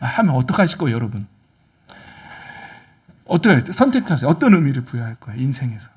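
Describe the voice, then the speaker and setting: A man preaching a sermon as pastor, animated, swinging between loud exhortation and soft asides. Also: medium pitch, quick pace, breathy edge.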